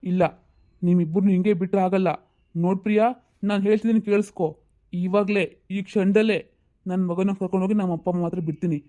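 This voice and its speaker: A man's voice: high-pitched, flat delivery, warm tone, close to an everyday voice. A man playing a stern husband and father who scolds his wife and son in a homemade family drama. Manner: scolding, bossy, rapid-fire. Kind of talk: amateur audio family drama.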